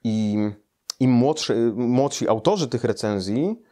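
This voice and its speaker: Here the same kind of reader, a man in his thirties or forties, takes a slow, warm approach to his translated children's tale. His medium-pitched voice stays animated as he reads from an armchair in a small, quiet indoor room.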